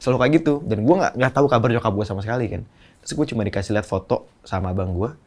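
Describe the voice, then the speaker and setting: A man's voice: lowish voice, very fast, darkish tone. A young man, a podcast guest, telling a candid, emotional personal story in slangy casual speech.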